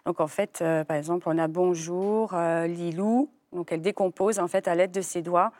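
A middle-aged woman with a lowish voice, explaining things step by step and filling pauses with hesitations. She speaks as a guest, a mother. The recording is dry and close. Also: no room sound. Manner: calm, explaining with many fillers. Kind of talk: interview answers.

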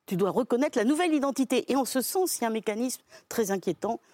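A woman's voice: a little high, animated, quick pace, darkish tone, dry recording. A woman guest in a studio debate, speaking emphatically and thinking aloud with frequent restarts. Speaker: guest commentator.

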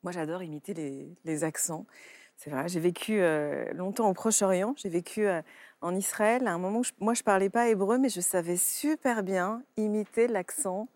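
A woman's voice: mid-range voice, moderate pace, dry recording. Playful woman guest on a dry mic. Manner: lively, playful, repeats words. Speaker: author guest. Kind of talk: TV talk show conversation. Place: TV studio.

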